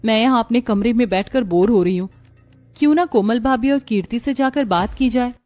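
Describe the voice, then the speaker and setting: A woman's voice: on the high side, brisk, a little mellow, soft background music, natural voice. A woman voicing a proud, poor young bride who speaks firmly and indignantly. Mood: bored. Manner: indignant, firm.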